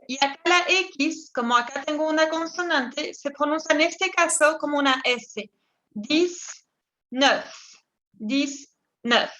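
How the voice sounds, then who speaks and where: A woman teaching an online French class, explaining in Spanish and repeating each word slowly for pronunciation. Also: high voice, a bit bright, highs cut off. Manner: slow, careful, repeats words for pronunciation; switches between Spanish explanations and French examples.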